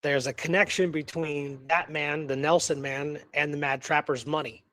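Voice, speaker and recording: On a history radio show, a male co-host with a fairly high, steady voice talks at normal speed about a historical mystery. His tone is a bit bright and the recording dry, and he thinks aloud with rhetorical questions and agreement-seeking tags.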